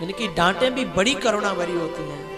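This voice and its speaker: Man preaching a katha sermon, high voice, emotional, music behind. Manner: emotional storytelling, preachy, slow sung passages. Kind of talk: devotional sermon with bhajan singing. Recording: reverberant hall with music.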